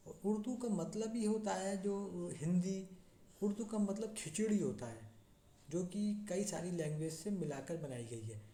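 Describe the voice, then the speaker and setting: A teacher giving a slow classroom lesson, repeating points and checking in as they explain. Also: mid-range voice, mellow. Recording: echoey room with faint noise.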